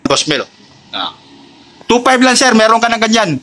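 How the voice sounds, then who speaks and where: A Filipino man who sells motorcycle accessories and vlogs speaks at a moderate pace in an extremely high, bright, forceful voice with wildly swooping pitch. Chatting casually, he shows products to a customer and viewers, often addressing the customer respectfully over noisy vehicle sounds.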